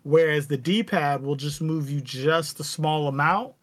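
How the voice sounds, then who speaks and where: Speaking a little slowly in a fairly high voice, a male podcast co-host tells stories during a casual chat, filling his speech with lots of "like."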